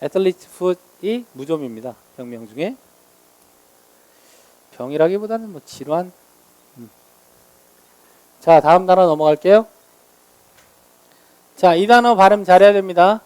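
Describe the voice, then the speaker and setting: A man teaching English vocabulary in a lecture, explaining meanings and slowly modeling each word's pronunciation. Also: sits high, expressive, darkish tone, no echo.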